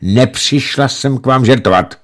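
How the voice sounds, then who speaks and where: A man reading the lines of a stern, prim older nurse who speaks curtly and croakily. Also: fairly low pitch, expressive, pitched above the performer's own voice.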